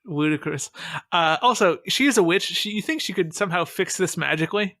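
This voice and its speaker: A man's voice: high-pitched, animated, fairly quick, pushed and bright, no room sound. A man hosting a podcast, recapping an episode and chatting with a wry, sarcastic manner on a close mic. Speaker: podcast host. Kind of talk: casual chat and episode recap.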